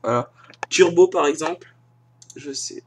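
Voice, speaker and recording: A man's voice: a little high, unhurried, a little mellow, slight background noise. A young French-speaking man casually walking viewers through film sites, hesitant, full of fillers and self-mocking asides, filmed one-handed on a phone. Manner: hesitant, many fillers and restarts. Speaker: YouTuber showing film sites. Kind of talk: casual screen-recording tutorial. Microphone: filming with a phone held in one hand.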